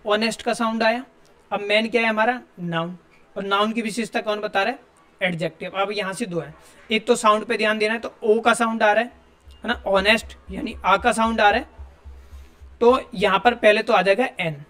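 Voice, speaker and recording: High-pitched male teacher explaining grammar. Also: fairly even intonation, moderate pace, sharp tone. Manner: explains step by step, asks students questions. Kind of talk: classroom grammar lesson.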